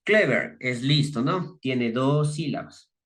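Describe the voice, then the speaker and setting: Male English teacher, slow and careful, spells out the rules and reads the example words deliberately. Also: medium pitch, lively intonation, a bit bright. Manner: patient, explains step by step, asks "¿no?" and "¿ya?" for confirmation; reads English words slowly and clearly, then gives the Spanish meaning. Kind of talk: recorded grammar lesson.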